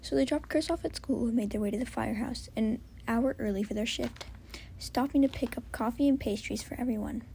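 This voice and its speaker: A woman doing a soft whispered story reading at home. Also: a little high, a little fast, vocal fry, a little hiss or hum. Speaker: story reader. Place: home with a cat.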